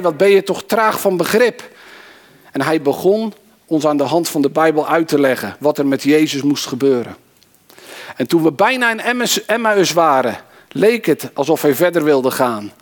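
A man doing a disciple telling his own story in the first person, earnest and stirred, speaking a little high as a church monologue unfolds. The voice sits slightly above an average man's. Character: grieving male disciple on the road, adult. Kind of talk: dramatic monologue in a sermon.

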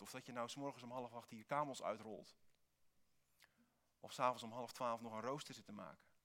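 Male pastor, mid-pitched, earnest sermon delivery with emphatic peaks. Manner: earnest, with sudden lively emphasis.

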